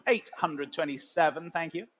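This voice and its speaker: A man's voice: a little high, normal speed, background noise. A man working as an auctioneer, calling bids in a repetitive chant. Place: large auction sale room. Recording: long echoing hall reverb.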